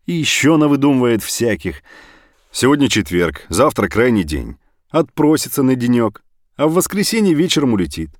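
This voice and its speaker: A man narrating an audiobook story in an expressive, animated reading. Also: medium pitch, moderate pace, no echo, studio quality.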